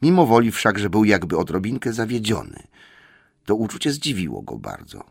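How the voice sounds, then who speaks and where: A male audiobook narrator with a very low voice who tells the story in a measured way. His intonation rises and falls widely. The recording is dry and close. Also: sing-song, gravelly, slightly rough, no room sound.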